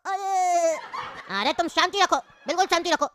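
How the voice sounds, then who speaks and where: A woman's voice: very high-pitched, steady tone, normal speed, a bit bright, dry recording, voice pushed up. A woman voicing a son who fusses over his sick father on the phone and scolds a rude passenger. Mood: soothing. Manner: fussing, advising, scolding. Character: fussy caring son on the phone. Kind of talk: comic cartoon voice acting.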